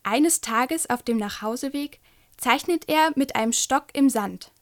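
A woman reading a children's book aloud and talking gently to young listeners. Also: high voice, a little slow. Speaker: storyteller.

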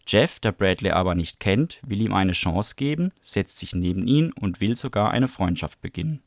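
Low-voiced man presenting a book. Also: lively intonation, normal speed, dry recording, studio quality. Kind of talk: book review and read-aloud.

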